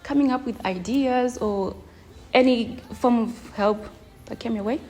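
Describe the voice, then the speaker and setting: A woman interviewer asking plain, steady questions. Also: fairly high pitch, measured pace.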